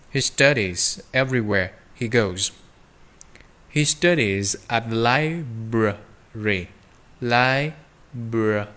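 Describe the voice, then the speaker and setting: A man teaching English pronunciation, drawing out slow model phrases between quick explanations. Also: mid-range voice, a bit bright. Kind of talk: pronunciation lesson.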